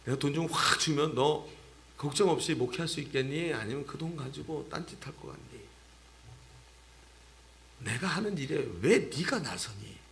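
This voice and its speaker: A male pastor voicing God, who questions a believer in a low, quiet, probing tone. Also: animated, normal speed, gravelly, long pauses, slight background noise.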